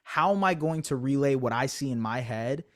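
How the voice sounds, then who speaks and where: A young man talks through his thinking in a relaxed podcast chat. He circles back on himself, stacks up fillers and restarts, and pokes fun at himself as he goes. His voice sits at an ordinary middle pitch for a man. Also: moderate pace. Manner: thoughtful, self-deprecating, lots of fillers and restarts. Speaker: basketball analyst guest. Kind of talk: conversational podcast interview.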